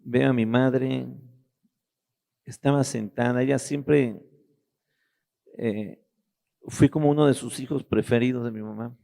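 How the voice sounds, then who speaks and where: Middle-aged man, very gravelly and dark-toned, halting personal testimony. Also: mid-range voice, fairly even intonation. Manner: halting, searching for words with restarts. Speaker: guest giving a testimony.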